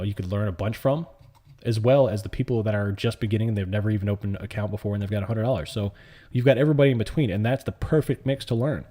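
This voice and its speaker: Warm and fairly low-voiced, a man who trades options chats loosely on his livestream, fielding viewer questions one after another. He was born in New York City and grew up in the US South.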